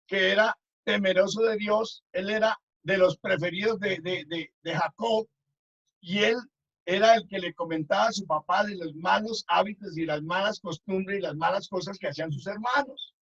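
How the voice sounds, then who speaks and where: A man, a minister telling a testimony with many restarts in a Sabbath school lesson. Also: high voice. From Colombia. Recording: dull lo-fi recording.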